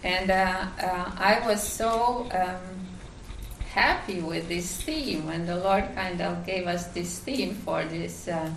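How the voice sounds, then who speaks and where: A Finnish woman gives a devotional talk at a retreat, halting often with fillers and restarts. Her low voice has a gravelly edge. She's recorded from a distance across a reverberant room, with faint background noise.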